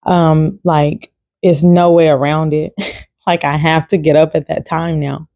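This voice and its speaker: A woman's voice: sits low, flat delivery, measured pace, vocal fry, dark tone, no room sound, dull audio. A woman giving a casual devotional talk to camera, chatty and informal, with many fillers and easy laughs.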